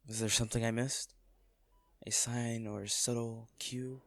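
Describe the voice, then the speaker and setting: In an intimate audio drama, a man with a gravelly, medium-pitched voice plays an anguished wealthy businessman speaking to his comatose lover. He talks haltingly and emotionally, with sighs and repeated words, in a dry recording.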